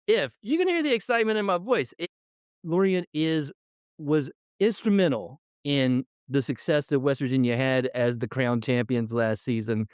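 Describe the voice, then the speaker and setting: A man hosting a sports podcast, talking excitedly in a rambling, self-interrupting way and laughing often. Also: on the high side, clear, resonant tone, no room sound, clean studio sound. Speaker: podcast host. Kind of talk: excited casual sports talk.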